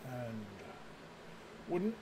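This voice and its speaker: Animated male game master, noisy recording. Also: mid-range voice, very slow. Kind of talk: in-character tabletop game narration.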